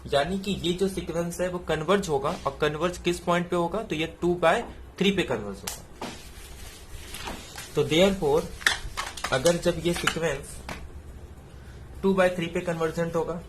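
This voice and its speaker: A man's voice: high-pitched, moderate pace, a little hiss or hum. Man walking through math answers. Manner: steady explanatory, asks and answers own questions. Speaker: math teacher. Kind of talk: exam solution walkthrough.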